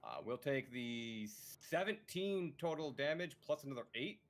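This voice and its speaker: Male dungeon master, animated, expressive pitch, casual swearing. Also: normal speed. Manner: animated, swears freely, narrates combat. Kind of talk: running a tabletop game, casual.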